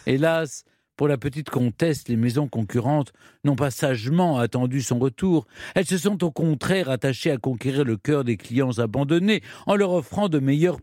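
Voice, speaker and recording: A man telling a history story in measured, scripted narration with dramatic pauses. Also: a little high, darkish tone, no echo, clean studio sound.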